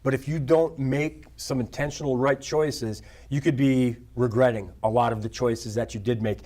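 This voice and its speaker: A man chats earnestly on a TV news studio set, offering practical outdoor safety advice. He speaks in a relaxed, conversational way, often pausing and restarting his sentences. His voice sits at an ordinary middle pitch. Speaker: outdoors guest. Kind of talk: casual TV studio chat.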